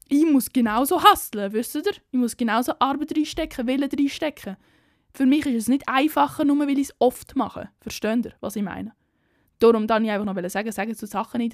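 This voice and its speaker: Young woman, Swiss German accent, casual vlogger, chatty and frank, voice a bit high. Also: no echo, clean studio sound. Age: young adult. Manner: chatty, slangy and candid. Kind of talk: casual chat.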